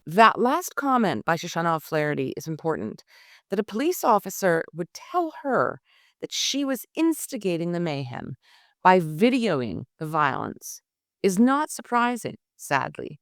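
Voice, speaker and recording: Female podcast host, low lively narration, dry studio sound. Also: a little slow, dry recording. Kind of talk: scripted narration.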